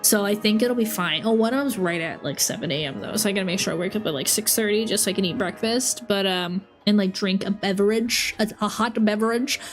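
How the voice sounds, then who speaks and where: Home livestream chat from a young female streamer who has a cold: she's sniffly, giggly and rambling, and she keeps breaking into her own sentences. Her medium-pitched voice moves fairly quickly with hardly any pauses over soft background music.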